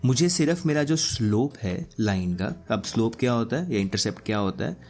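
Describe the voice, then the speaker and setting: A man's voice: mid-range voice, a little mellow. A man with a sore throat teaching a casual lecture, explaining step by step and often checking in with his students. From Punjab.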